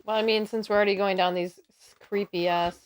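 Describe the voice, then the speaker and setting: A woman co-hosting a podcast in casual chat, relaxed and giggly with blunt asides. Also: medium pitch, a little fast, a little hiss or hum. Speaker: podcast co-host.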